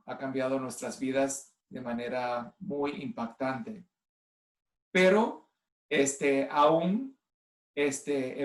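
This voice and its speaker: A man who works as a nurse and clinical informatics specialist gives an online conference presentation from a room at home, where the sound is roomy. Based in the United States, he has a mixed Spanish accent with a Puerto Rican base. His mid-range voice is halting, with many restarts and stray English words.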